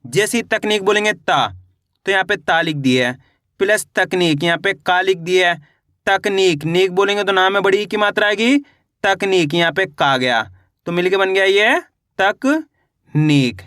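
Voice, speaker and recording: A man teaching children to read, who sounds out each syllable slowly and then answers his own questions. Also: high-pitched, bright, forceful tone, no echo, clean studio sound. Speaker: Hindi reading teacher. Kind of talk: spelling lesson.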